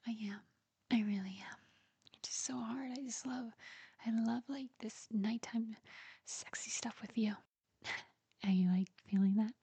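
A woman speaking in a soft, breathy whisper in an intimate roleplay recording, with frequent quiet giggles, close to the mic. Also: a little high, no room sound.

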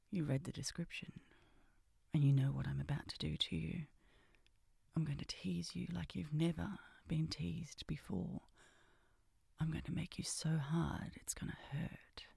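A woman doing a sultry, seductive whispered role-play, breathy and often dropping into a whisper, with a teasing, commanding way of talking. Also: sits low, fairly even intonation, normal speed, dark tone, no echo, clean studio sound.

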